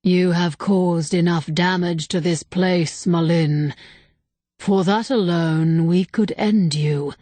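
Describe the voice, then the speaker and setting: An ancient, bodiless male spirit of a temple, as a woman reader puts him on, calm and collected but heavy with regret. He speaks slowly and deliberately in a low, unhurried storybook voice, every word measured. The recording is close and dry. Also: no room sound. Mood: calm regretful. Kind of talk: audiobook character voice.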